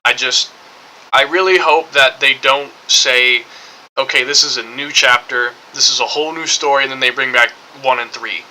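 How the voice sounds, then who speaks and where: A man's voice: mid-range voice, steady tone, moderate pace, sharp tone, slight background noise, poor audio. A man giving casual, rambling game commentary, hedging often and circling back over his points. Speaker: gaming streamer.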